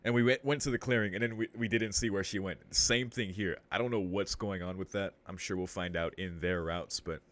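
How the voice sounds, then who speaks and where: Hosting a let's play, a man reads visual novel lines aloud fairly quickly and with few pauses, then interjects with slangy remarks and swearing. His voice is low and a bit bright, with a steady tone.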